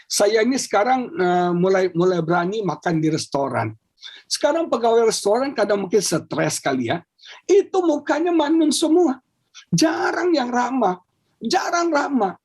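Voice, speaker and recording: A male pastor preaching a lively sermon over a video call, often asking the congregation whether they agree. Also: very high voice, normal speed, breathy edge.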